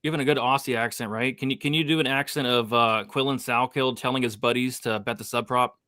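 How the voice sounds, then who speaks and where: A man's voice: mid-range voice, steady tone, brisk, sharp tone, no echo, clean studio sound. A man hosting a live fight watch-along, chatty and hyped, reading the chat aloud. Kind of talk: casual live-stream chat.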